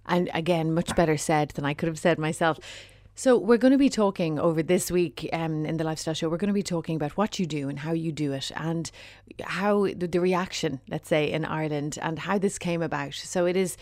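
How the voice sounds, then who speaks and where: A woman's voice: low voice, brisk, hardly any pauses, a little mellow, no room sound. A woman hosting a studio talk show, introducing her guest and chatting in a friendly, talkative way. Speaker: show host. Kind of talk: studio interview.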